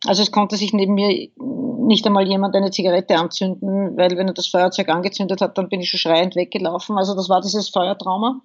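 A woman's voice: mid-range voice, fairly quick, hardly any pauses, dull audio. A woman, a podcast guest vividly recounting a crash she survived. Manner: vivid, animated storytelling. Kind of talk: interview, telling a survival story.

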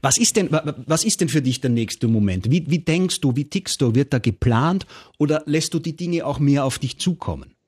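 A man hosting an interview podcast, asking halting conversational questions. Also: on the high side, animated, darkish tone, husky, no room sound, studio quality. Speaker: podcast host.

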